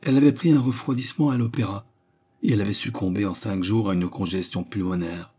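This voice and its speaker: A man narrating a literary short story as an audiobook reader, in a measured storytelling delivery. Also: on the low side, fairly even intonation, dark tone, husky.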